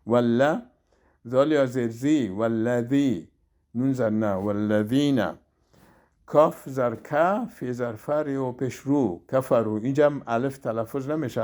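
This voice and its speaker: A man teaches Quran reading at a middle pitch. He names each letter and its vowel mark one by one, then slowly joins them into the whole word. His delivery is a patient spelling drill. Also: darkish tone. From Afghanistan. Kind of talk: spelled-out recitation lesson.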